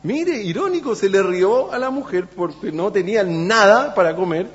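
High-voiced preacher in an echoey hall. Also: male voice, lively intonation. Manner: halting, many fillers and restarts, emphatic. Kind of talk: sermon. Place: church. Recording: echoey church hall, dull sound.

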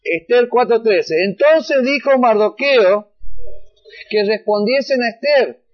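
Guy preaching a sermon, high voice, gets louder reading verses, dull lo-fi audio. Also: animated, takes it slowly. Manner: rises in pitch and volume when reading scripture, many restarts. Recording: dull lo-fi sound.

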